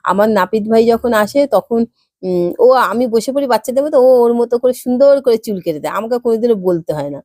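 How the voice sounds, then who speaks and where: A woman's voice: fairly high pitch, fast talker, no echo, clean studio sound. A woman from Kolkata with a West Bengal accent, telling a story to her viewers in a chatty vlog style and acting out the dialogue. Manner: lively, acts out dialogue in voices. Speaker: vlogger.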